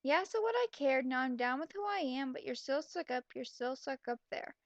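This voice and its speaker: A young woman with a high, fry-heavy, animated voice reads fan fiction aloud at a normal pace and tears it apart with sarcastic, blunt, exasperated, mocking asides. The recording is close, dry and dull.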